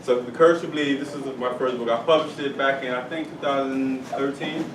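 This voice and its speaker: A man's voice: mid-range voice, steady tone, fairly quick. A young man giving an upbeat motivational talk at a school career day, bantering with the class in call-and-response. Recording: echoey room, distant camera, noisy.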